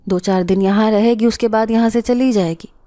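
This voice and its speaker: A woman's voice: on the high side, fairly even intonation, warm tone, close to an everyday voice. A woman reading as a grave, protective young man. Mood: calm. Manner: grave, solemn tone. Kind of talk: storybook reading.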